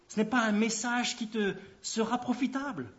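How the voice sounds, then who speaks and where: A man's voice: extremely high pitch, moderate pace, a bit bright, voice pushed up. A man reading the lines of a stern, impatient army commander in a curt, firm tone. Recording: dull lo-fi recording.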